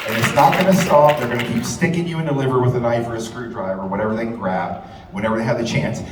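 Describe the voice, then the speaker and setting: In a large event hall, a rally speaker who also hosts a radio show talks fast in a medium-pitched voice. His speech is impassioned, repetitive and profane, and the distant, echoey recording is dominated by a loud crowd and hall noise.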